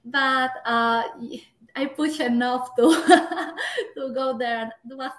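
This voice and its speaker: A woman's voice: sits high, animated, slow. A woman from Peru in her forties with a Peruvian Spanish accent, a physician who chats casually as an interview guest, laughs often and restarts words. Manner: laughs often, repeats words when starting. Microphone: remote call. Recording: roomy echo.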